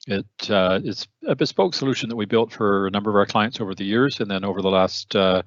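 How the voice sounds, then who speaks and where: A man's voice: fairly low pitch, quick pace, no room sound, dull audio. A man hosting a technical webinar in a conversational way, with many fillers and repeated words, his voice a bit worn. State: losing his voice, clearing throat. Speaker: webinar host.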